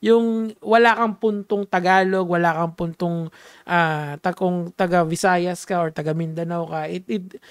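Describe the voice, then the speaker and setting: A man's voice: high-pitched, fairly even intonation, a little slow, smooth, no echo, clean studio sound. A man giving casual commentary, chatty and full of fillers and restarts, switching back and forth between languages. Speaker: commentary vlogger.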